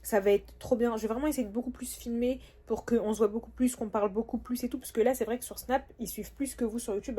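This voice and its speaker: A woman's voice: a little high, dark tone. A young woman talking frankly and bluntly to her phone camera in a casual travel vlog, from a room at night. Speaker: vlogger.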